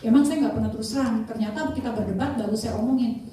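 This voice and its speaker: A middle-aged woman, giving an animated sales training talk and acting out the people she quotes. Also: on the high side, quick pace, a little hiss or hum. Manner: animated, switches voices to act out quoted people. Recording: very echoey room, voice from far off the mic.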